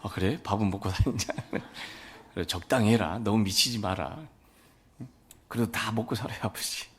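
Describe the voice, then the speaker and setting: A man's voice: fairly low pitch, normal speed, breathy edge. A man preaching a sermon as a pastor, telling folksy stories and acting out family dialogue. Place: church sanctuary.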